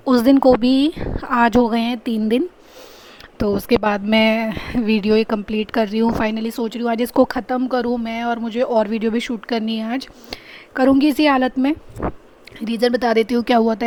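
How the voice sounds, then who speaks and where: A woman's voice: fairly high pitch, a little mellow. A young woman vlogging casually at home, chatting and venting about her frustrations. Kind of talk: casual vlog chat. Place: home kitchen.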